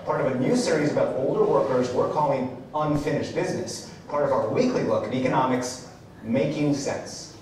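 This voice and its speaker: A male news anchor introducing a report in a brisk, formal way. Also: medium pitch, darkish tone. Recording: echoey, distant.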